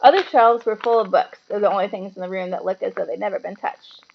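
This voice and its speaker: A woman narrating a children's novel aloud as an expressive storybook reader. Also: mid-range voice, fast, creaky, lo-fi sound, slight background noise.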